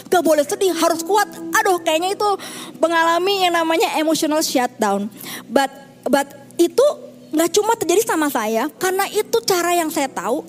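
A middle-aged woman pastor giving a sermon in a candid, conversational way, mixing in English phrases. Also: very high-pitched.

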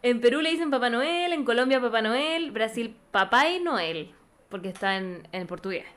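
A woman's voice: a little high, lively intonation, normal speed, fairly bright tone. A young adult woman with a Chilean accent, hosting a podcast in a playful, teasing casual chat. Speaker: podcast host.

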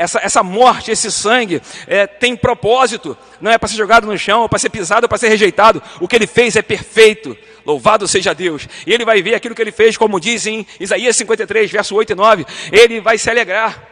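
A high-pitched man with a Brazilian Portuguese accent teaches a church Bible class with fervent urgency. He speaks straight to his listeners, calling them beloved and playing out small dialogues. His voice carries a long reverb from the church hall. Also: pushed and bright. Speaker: Sunday school teacher.

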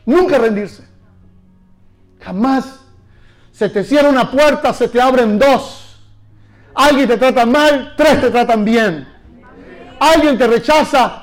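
A man preaching with a very high voice, pressing his listeners over and over. He calls out lines for the congregation to repeat and drives each point home with fervent repetition. His tone is urgent and exhorting throughout. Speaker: pastor. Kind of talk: sermon.

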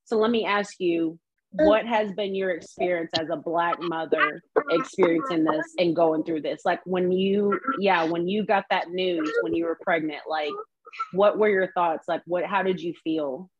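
A woman in her thirties hosting a video call interview, encouraging and warm with her guest. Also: fairly low pitch, fairly even intonation, unhurried, husky, no echo, muffled recording. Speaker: host.

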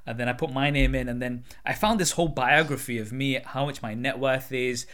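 A man, likely in his twenties, hosts a casual conversational interview as a content creator. His medium-pitched voice is a bit bright, and he talks fairly quickly.

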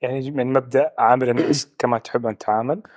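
A male interview host asks his questions at a very fast clip. His voice sits in an ordinary middle range. The sound is dry and close. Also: mid-range voice, fairly even intonation, a little mellow, dry recording. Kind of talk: interview hosting.

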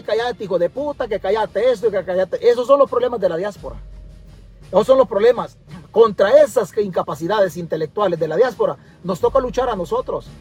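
A Salvadoran political commentator rants passionately from his car during a livestream, preachy and repetitive, saying things again and again for emphasis. His voice sits high, a little mellow, with a breathy edge.

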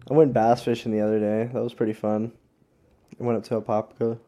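An American man with a fairly low, dark and relaxed voice chats as a podcast host. He talks like a frat bro, loose and slangy, and swears freely. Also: brisk. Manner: frat-bro talk, slangy and heavily profane. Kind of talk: casual chat.

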